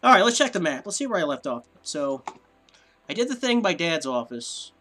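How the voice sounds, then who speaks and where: A man's voice: on the high side, sing-song, moderate pace, pushed and bright, faint music behind. A man with a stuffy, sniffly nose, muttering to himself and rambling in puzzlement as he hosts casual let's-play commentary at a desk microphone. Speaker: gameplay video host.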